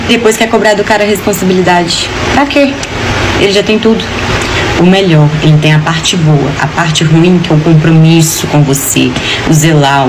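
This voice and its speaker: Blunt woman lecturing, noisy background. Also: lowish voice. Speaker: commentator. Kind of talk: advice monologue. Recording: background noise.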